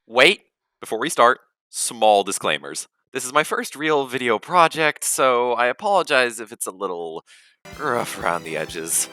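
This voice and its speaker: A man's voice: medium pitch, expressive, a little slow, bright, forceful tone, faint music behind. A man narrating a gameplay video in a scripted way, with wry, self-deprecating humor. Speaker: gaming video creator.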